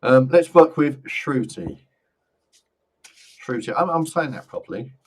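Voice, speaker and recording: A man doing live psychic card readings in a gentle, reassuring and jokey way. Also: mid-range voice, sing-song, normal speed, breathy edge. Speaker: psychic reader.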